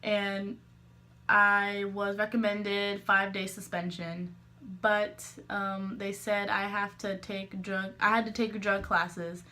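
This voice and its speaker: A woman's voice: mid-range voice, sharp tone. A teenage girl telling a storytime vlog, rambling with many fillers and self-corrections, laughing between remarks. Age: teens. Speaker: vlogger.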